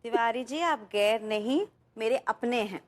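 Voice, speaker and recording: An actress playing a poised, teasing modern housewife who talks crisply and drops English phrases into her speech. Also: fairly high pitch, unhurried, close to an everyday voice. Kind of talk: sitcom acting.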